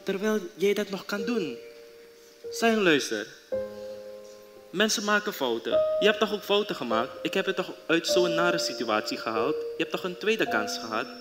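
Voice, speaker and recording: A coaxing young boyfriend, his voice slightly high and swinging widely in pitch. He presses gently, repeating endearments. The sound rings in a big theatre hall over loud music. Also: animated, moderate pace. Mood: pleading. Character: caring young man urging his partner home. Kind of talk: live stage drama. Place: theatre stage.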